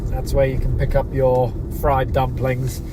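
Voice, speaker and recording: A man's voice: medium pitch, monotone, a little slow. A man livestreaming from a moving car, giving casual commentary as he drives. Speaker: livestream host, storm chaser. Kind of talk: casual live commentary while driving. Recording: loud vehicle and outdoor noise. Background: car and road noise.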